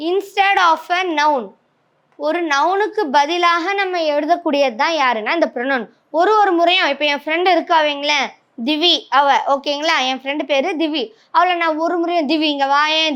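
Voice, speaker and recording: A woman's voice: very high-pitched, fairly bright tone. A woman with a Tamil accent teaching an English grammar lesson, often stopping to ask the class if they follow. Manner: checks understanding with frequent "okay?".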